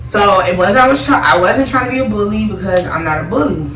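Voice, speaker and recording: A woman's voice: medium pitch, expressive, fast talker. A tipsy, giggly woman telling a rambling story in a casual, sassy and blunt way. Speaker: storytime vlogger. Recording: roomy echo, distant mic, loud music behind.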